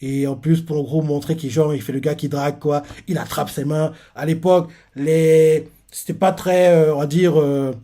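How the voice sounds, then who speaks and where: Rambling, excitable male recapper, mellow tone. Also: on the high side, moderate pace, hardly any pauses. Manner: rambling, many fillers and restarts, excitable. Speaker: reaction channel host. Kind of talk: casual manga chapter recap.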